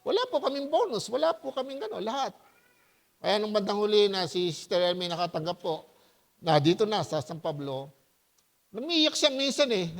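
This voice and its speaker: A man preaching a sermon as pastor in a loose, conversational way, often asking the congregation questions and laughing as he tells stories. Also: gravelly. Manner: lively, with high-pitched voiced quotes and laughter.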